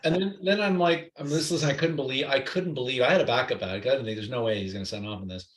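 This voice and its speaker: A man guest in a podcast interview, telling lively anecdotes full of quoted voices. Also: medium pitch, fast. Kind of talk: storytelling interview chat. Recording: roomy echo.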